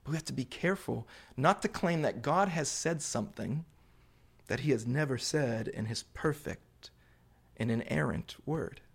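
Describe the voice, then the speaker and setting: Man, preacher, medium pitch, heavy vocal fry, sermon delivery, deliberate pauses, emphatic repetition, rhetorical questions. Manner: rhetorical questions put to listeners. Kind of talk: sermon, Bible exposition to a congregation.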